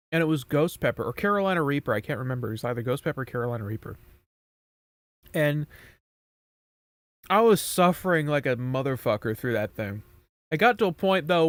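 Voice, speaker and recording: A man's voice: on the high side, no room sound. A man streaming, chatting casually and rambling as he reacts to videos, swearing a lot.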